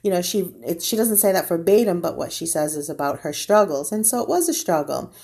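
Lower-pitched woman vlogger, chatty and sarcastic, rambling opinion piece. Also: expressive, a little fast, vocal fry, a little mellow. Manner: rambling, sarcastic, with mocking quoted asides. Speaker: gossip vlogger. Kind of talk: opinionated monologue.

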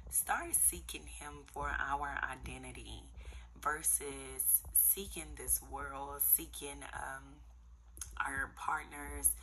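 A young woman with a low-pitched voice full of vocal fry shares casual faith encouragement. She speaks earnestly and conversationally, repeating words for emphasis, and her tone has a bright, forward edge. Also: a little hiss or hum, rough recording. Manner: conversational, earnest, emphatic repetition, addresses listeners as y'all. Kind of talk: casual devotional encouragement vlog.

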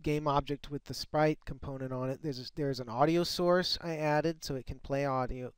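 A man walking through a screen-recorded software tutorial, often restarting and repeating words as he explains. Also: medium pitch, fairly even intonation, normal speed, clear, resonant tone, dry recording. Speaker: software developer demonstrating his tool.

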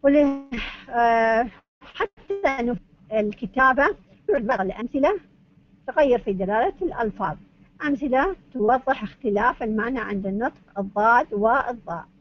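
A woman university lecturer, with a somewhat high voice, works through her points in order and poses questions that she answers herself. The recording is dull and lo-fi. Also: lively intonation, normal speed. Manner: methodical, asks and answers her own questions. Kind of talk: academic lecture on Arabic phonetics.

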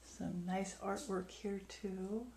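Touring guests through a vacation rental, a woman walks room to room offering short descriptive remarks. Her medium-pitched voice is warm, flat, and slow, with vocal fry. It was recorded indoors on a handheld camera's built-in mic, which made it noisy.

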